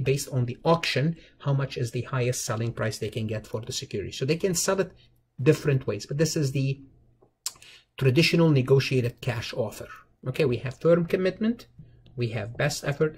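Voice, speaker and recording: Guy narrating a finance lecture over slides, repeats himself a lot, mid pitch, a little background noise. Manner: explanatory, repeats and restarts phrases, frequent "okay".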